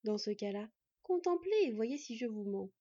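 A smooth-talking male hunter villain who speaks slowly and coaxingly, mocking his prey with false kindness, as a woman reading aloud plays him. The voice is breathy and dry, with a slightly dull sound. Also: on the high side, animated, dark tone, no echo.

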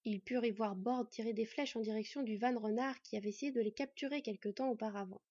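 A woman reads a fantasy story aloud in an even, measured narrating voice. Her voice is a bit high and breathy, recorded dry with a slightly dull, lo-fi sound. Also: no echo. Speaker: audiobook narrator.

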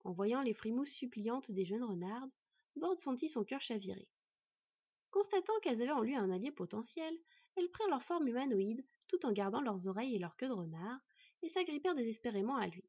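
A woman reading a fantasy story aloud in an expressive storytelling manner. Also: a little high, a little fast, slightly rough, no room sound. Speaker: audiobook reader. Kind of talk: scripted fantasy narration. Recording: dull lo-fi recording.

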